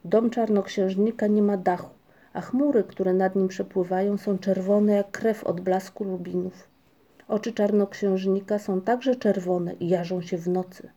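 A woman voicing a calm, unhurried young male troll who tells tales in an audiobook. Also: mid-range voice. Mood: calm storytelling. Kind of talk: audiobook character reading.

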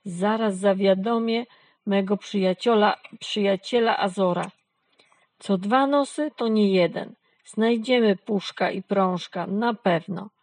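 A resolute male dog from a children's storybook who takes charge and reassures everyone, voiced by a woman reader. He talks slowly and firmly. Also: medium pitch, a little mellow, dry recording, close to an everyday voice. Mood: decisive. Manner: decisive and reassuring.

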